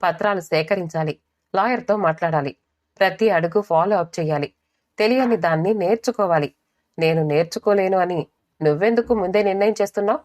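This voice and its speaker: A woman voicing a determined young wife who answers calmly and firmly in an audiobook story. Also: on the low side, fairly quick, natural voice. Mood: resolute. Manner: calm, firm.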